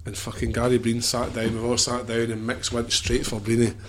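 Medium-pitched man swapping sweary anecdotes. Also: monotone, fairly quick, a little hiss or hum. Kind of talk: casual anecdote chat.

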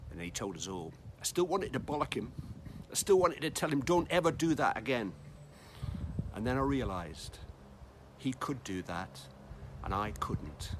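A man telling a solemn story as a spoken tribute, rising to loud bursts when he quotes. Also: low voice, slight background noise. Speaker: broadcaster giving a tribute.

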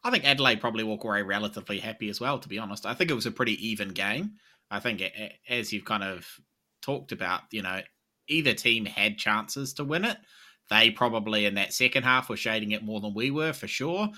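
Bright-voiced man weighing it up. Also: lowish voice. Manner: measured, reasoned, repeats "I think". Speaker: podcast co-host. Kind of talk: casual sports podcast chat.

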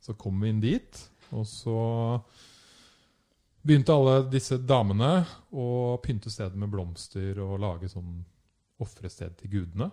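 Lively Norwegian man telling a story. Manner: animated, acts out quotes with rising pitch. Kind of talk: casual storytelling chat.

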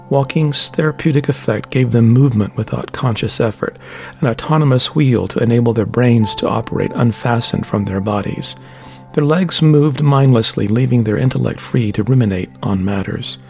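Gravelly male audiobook narrator. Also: mid-range voice. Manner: steady descriptive reading.

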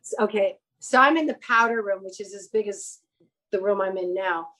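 In a rough recording, a woman with a mid-range voice speaks at a moderate pace. She's a guest on a casual interview, an actress who also runs a clothing store, and she tells animated, rambling anecdotes full of quoted dialogue.

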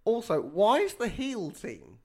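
A man's voice: sits high, big pitch swings, unhurried, darkish tone. A man co-hosting a wrestling podcast, wry and dry, often giving short agreements. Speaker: podcast co-host. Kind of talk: casual wrestling discussion.

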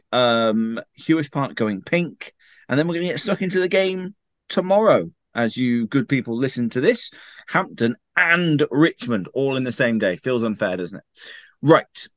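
A man's voice: a little high, dry recording, studio quality. Upbeat man hosting a football podcast. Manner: upbeat, jokey, steering the chat. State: just recovered from illness. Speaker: podcast host. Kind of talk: casual football podcast chat.

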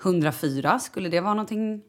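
A woman, chatting on a podcast and telling a story with plenty of energy. She swings her pitch up when she quotes others and acts out the people in her tale. Her delivery is casual and quick. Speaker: podcast co-host. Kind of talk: casual chat.

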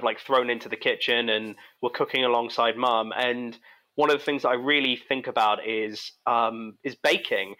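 A man speaking as a guest cook, relaxed and chatty, chuckling as he talks. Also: mid-range voice, low-quality recording. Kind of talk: casual interview chat.

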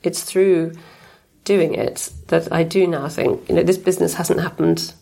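Woman, low voice, slightly croaky, hesitant, modest, interview guest. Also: steady tone, unhurried, warm tone. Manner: hesitant, self-deprecating, laughs often. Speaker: guest entrepreneur. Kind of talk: casual interview chat.

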